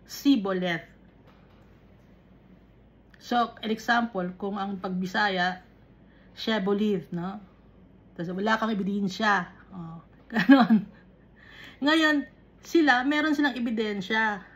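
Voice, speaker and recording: A woman's voice: fairly high pitch, fairly bright tone. A woman teaching a Bible lesson, often stopping to check that her listeners follow. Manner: unhurried, explaining with frequent checks on listeners. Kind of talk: Taglish Bible study teaching.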